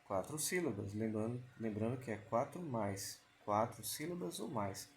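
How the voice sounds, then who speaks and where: A man's voice: on the low side, animated, normal speed, a little hiss or hum. A man teaching an online lesson. He explains patiently, repeating key points and asking rhetorical questions.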